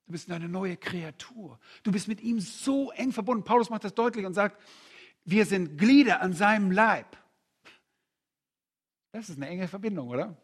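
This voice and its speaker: A male preacher with a husky, fairly high voice gives a lively conference sermon. He fires rhetorical questions at the crowd and slips into quoted voices to make his points.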